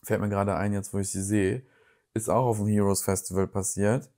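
A man's voice: fairly low pitch, brisk. Chatty German man telling a story. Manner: chatty, animated retelling with quoted dialogue. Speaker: YouTuber recapping reality TV news. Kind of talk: casual storytime vlog.

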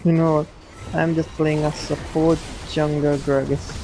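Gamer narrating a match, gravelly flat voice, noisy mic. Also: mid-range voice, measured pace. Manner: chatty, mixes in Hindi phrases. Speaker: gameplay commentator. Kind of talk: casual gameplay commentary. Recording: noisy home recording.

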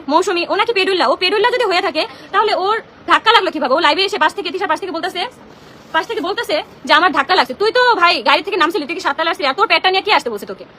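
A woman's voice: extremely high pitch, pushed and bright, slight background noise. A young woman from Bangladesh ranting on a home live stream, agitated and confrontational as she addresses her critics directly. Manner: agitated, indignant, rapid-fire and confrontational. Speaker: social media content creator. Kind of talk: heated live-stream rant.

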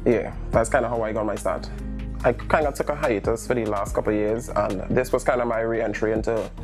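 A man's voice: lowish voice, gravelly, a little mellow. A young man speaking casually in an interview as a singer-songwriter. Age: young adult. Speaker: singer-songwriter being profiled. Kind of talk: casual interview talk to camera. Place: indoor living room. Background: music bed.

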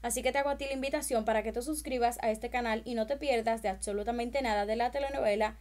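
A woman's voice: on the high side, steady tone, quick pace, a little mellow. A woman hosting a telenovela recap channel, talking straight to the viewer in a chatty way with small stumbles.

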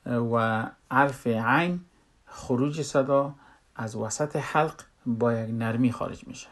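Man, tajweed teacher, mid-pitched, plain explanatory delivery, drills example words. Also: fairly bright tone. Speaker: Quran recitation teacher. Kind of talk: spoken tajweed lesson.

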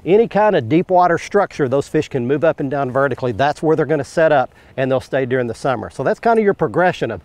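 A middle-aged man hosting a fishing show from a boat on a lake, explaining technique and getting excited when a fish bites. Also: fairly high pitch, fast talker, few pauses, no echo. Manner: explanatory, bursts into excited asides on catches. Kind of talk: on-the-water fishing instruction.

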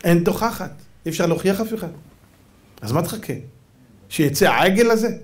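A man's voice: high-pitched, animated. A man rabbi giving a Torah lesson sermon, emphatic and full of rhetorical questions, sometimes raising his voice. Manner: acts out quoted voices.

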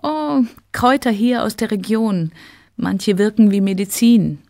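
A woman voicing a shy old woman selling herbs at a market, speaking softly in a high voice. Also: expressive, measured pace, no room sound, studio quality. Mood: gentle. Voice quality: high-pitched. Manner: soft, shy. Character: old woman herb seller, timid.

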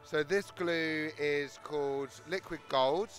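Backstage in a big exhibition hall, a South London hairdresser in his thirties talks through his technique into a handheld interview mic. He speaks slowly in a slightly high, somewhat bright voice, with faint music behind him.

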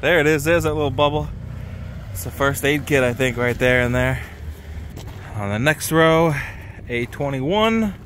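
A man in his thirties vlogging casually while walking through an outdoor car lot, excited and chatty, filmed on a handheld camera at arm's length. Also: medium pitch, a little slow, a little hiss or hum. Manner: excited, chatty, laughs often. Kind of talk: casual vlog walkthrough. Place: outdoor impound parking lot.

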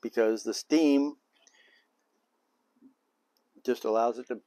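Working on an outdoor patio, an older beekeeping video host chats in a relaxed, low-key way, thinking out loud during his demonstration. He speaks at a slow pace, with no echo in the audio.

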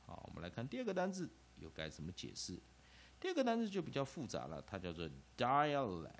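Speaking briskly at a medium pitch, a male English teacher with a Taiwanese Mandarin accent runs a lively phonics lesson in classroom style. He sprinkles "ah" and "ha" through his phrases and goes over key terms again and again.

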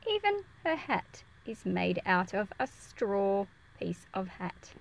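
This woman reads slowly, her medium-pitched voice carrying vocal fry, as she presents a picture book to children. She explains it expressively and asks her young listeners questions, teaching as she reads. The recording is low quality.

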